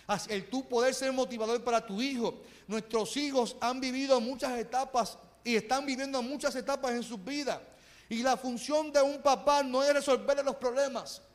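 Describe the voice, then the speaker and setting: Man, pastor, high voice, earnest sermon, long hall reverb. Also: fairly even intonation, normal speed. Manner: earnest, conversational preaching with rhetorical questions.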